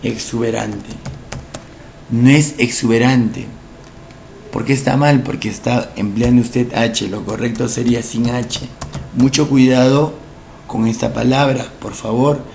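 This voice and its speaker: A male language teacher, giving a recorded lesson for entrance exams, explaining slowly, repeating each word and asking rhetorical questions. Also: medium pitch, fairly even intonation, gravelly, a little mellow, slight background noise.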